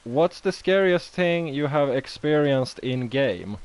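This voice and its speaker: A man hosting a casual stream interview, hesitant and filling pauses with ums and okays. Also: medium pitch, lively intonation, slight background noise. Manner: hesitant, many fillers, lots of okays. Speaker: host interviewing players.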